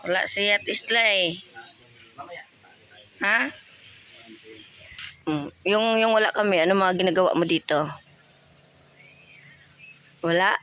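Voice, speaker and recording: A man's voice: high-pitched, bright, forceful tone, a little hiss or hum. A man hosting a casual vlog, teasing and fussing over someone and firing off questions. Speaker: vlogger host.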